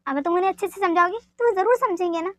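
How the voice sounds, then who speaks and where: A woman voicing an anxious, caring young woman who is quick to anger, with a pleading, emotional manner, in a fan dub drama. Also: very high voice, fairly bright tone, no room sound. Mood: upset.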